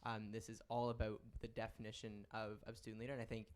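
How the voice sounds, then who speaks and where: A man's voice: fairly low pitch, completely flat delivery, fast, slight background noise. A student councillor stating his disagreement in formal debate language.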